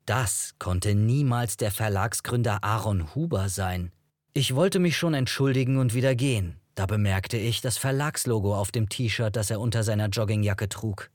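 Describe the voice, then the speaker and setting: A man narrates a first-person novel in a low, measured voice, telling the story at a steady pace. The recording is dry and close, with no room echo at all. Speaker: audiobook narrator.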